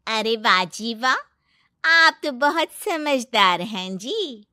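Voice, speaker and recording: Woman playing bright, high-pitched village wife. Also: very animated, takes it slowly, dry recording, studio quality, heavily acted. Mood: fawning. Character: moneylender's greedy, flattering village wife and villagers. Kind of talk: Hindi moral story cartoon voice acting.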